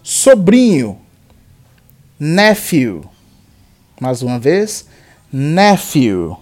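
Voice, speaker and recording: Brazilian male tutor, slow repeat-after-me drills, slightly higher voice. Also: big pitch swings, a little mellow. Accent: Brazilian Portuguese. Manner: slow, deliberate drilling of words and phrases. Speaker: English teacher.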